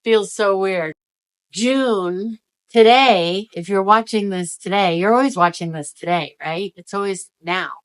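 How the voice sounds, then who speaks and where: Casting: woman, medium pitch, motivational vlogger, emphatic and encouraging, mouth numb from dental work, words coming out of the corner of the mouth. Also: a little slow, smooth. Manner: talking out of the side of the mouth. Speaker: spiritual energy-reading video host. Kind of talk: casual motivational talk to viewers.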